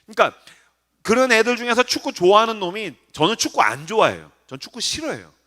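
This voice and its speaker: A man's voice: sits high, sing-song, fast, fairly bright tone. A male pastor in his forties giving a casual, joking sermon to teenagers and often quizzing his listeners. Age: 40s. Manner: casual, joking, asks the crowd questions. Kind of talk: animated youth sermon. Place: church sanctuary.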